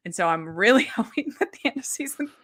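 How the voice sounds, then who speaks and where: A woman's voice: a little high, animated, quick pace, fairly bright tone. A woman hosting a casual chat about streaming shows, chatty and enthusiastic. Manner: chatty, enthusiastic, laughs often. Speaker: podcast host.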